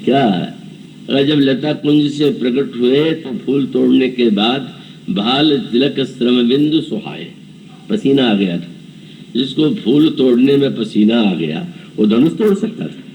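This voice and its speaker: A man in his 70s gives a devotional discourse on scripture as a preacher, telling the story, performing the characters' speech, and chanting verses. His mid-range voice moves a little slowly; he's far from the mic and the sound is lo-fi.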